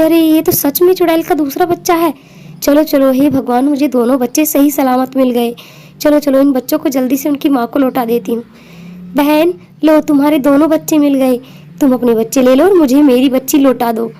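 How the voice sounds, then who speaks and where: A woman's voice: high-pitched, warm tone. A woman narrating a doll-play story and voicing a mother, speaking dramatically and scolding.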